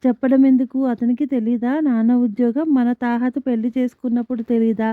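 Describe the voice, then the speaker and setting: A woman voicing a sharp-tongued young married daughter who talks in a sarcastic, curt way. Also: a little high, level tone, brisk, no room sound, close to an everyday voice. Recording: tinny phone-like band, dry.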